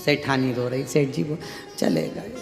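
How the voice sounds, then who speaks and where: A man's voice: medium pitch, a little slow, creaky. A man preaching a sermon, telling a story and acting out its characters in short bits of dialogue. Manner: animated, acts out characters in dialogue. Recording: echoey hall with faint music.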